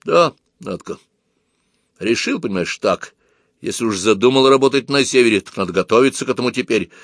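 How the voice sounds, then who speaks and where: A man's voice: mid-range voice, expressive, fairly quick, creaky, no room sound, studio quality. A man reading a story aloud, voicing an earnest teenage boy who argues his plan emphatically and persuasively.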